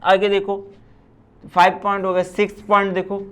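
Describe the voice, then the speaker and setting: High-voiced male physics teacher. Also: completely flat delivery, normal speed, a bit bright, smooth. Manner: repetitive, asks and answers his own questions; addresses students as children. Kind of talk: recorded class lecture.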